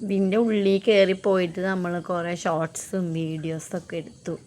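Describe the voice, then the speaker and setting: A woman's voice: lowish voice, fairly even intonation, moderate pace, a little mellow. A woman chatting casually for a vlog, exclaiming often and mixing in English slang. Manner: Malayalam mixed with English slang; exclamatory, full of admiring interjections. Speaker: travel vlogger. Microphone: phone. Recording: noisy outdoor phone video.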